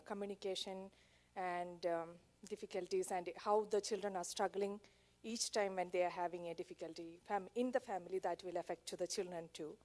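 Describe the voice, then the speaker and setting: A woman speaks at a medium pitch as a counselor advising an audience. Her manner is explanatory and informal, and her phrasing is non-native. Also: darkish tone. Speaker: crisis counselor. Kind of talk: informal advice talk to an audience.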